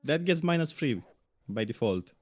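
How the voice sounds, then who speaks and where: A man's voice: on the high side, very animated, normal speed, a little mellow, soft background music. Blunt, opinionated man. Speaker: stream co-host reviewing game jam entries. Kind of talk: casual critical game discussion.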